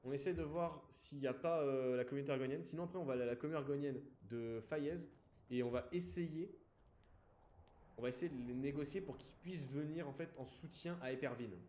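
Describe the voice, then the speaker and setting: A man's voice: mid-range voice, fairly quick, mellow, echoey room, slight background noise. A man live-streaming a game, chatting casually and apologizing to his viewers while leaning close to a desk mic in an empty room.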